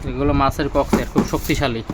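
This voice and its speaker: He speaks fast, with a mid-range voice and fairly even intonation: a Bangladeshi-accented electronics shop owner giving a casual, hands-on demo of a player. He explains by showing and repeats himself, while music from the player and background noise sit behind him.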